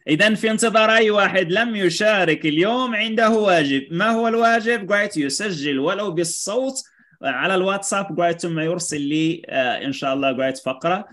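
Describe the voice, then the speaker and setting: Online English teacher, man, high bright voice, unhurried, leans on "great" and "right?". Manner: keeps saying "great" and "right?", switches between English and Arabic.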